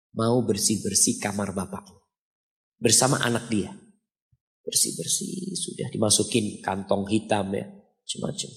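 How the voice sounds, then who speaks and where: Preacher in an echoing hall. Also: male voice. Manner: storytelling, rising to high emphatic passages. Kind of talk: sermon. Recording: long hall reverb.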